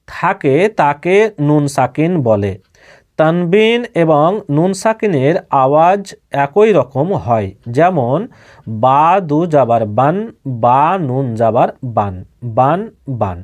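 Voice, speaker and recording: A man teaching Quran reading, slowly spelling out each syllable and patiently repeating it twice. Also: a little high, darkish tone. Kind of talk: slow spelling-out recitation lesson.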